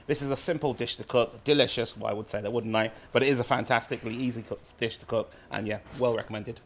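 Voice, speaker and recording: A man's voice: mid-range voice, steady tone, fast talker. A man from Barbados, casually explaining dishes as a street-food cook in a cooking demonstration. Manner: informal, explanatory.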